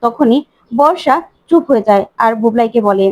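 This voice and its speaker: A woman retelling the episodes of a TV serial in a casual, animated way and voicing the characters' lines herself. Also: on the high side, moderate pace, no echo. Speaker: storyteller recapping a TV serial. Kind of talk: casual retelling with acted quotes.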